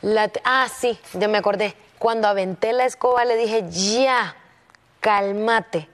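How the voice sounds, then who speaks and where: A young woman, a contestant, telling her teacher a personal story in a soft, hesitant way, often stopping and restarting her sentences. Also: on the high side, steady tone, moderate pace. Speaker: singing competition contestant.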